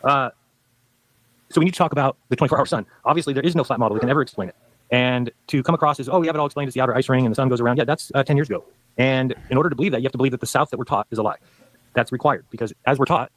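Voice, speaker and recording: Rapid, insistent man arguing. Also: mid-range voice, a bit bright, no echo, rough recording. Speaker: debater in a played debate video. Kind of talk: debate argument.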